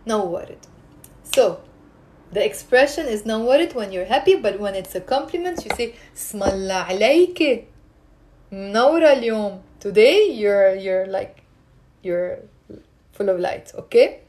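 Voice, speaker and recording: A woman in her thirties with a Lebanese accent teaches a language informally on a live stream, encouraging and animated, repeating words carefully for her viewers. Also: medium pitch, normal speed. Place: small indoor room at home. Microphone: phone at arm's length.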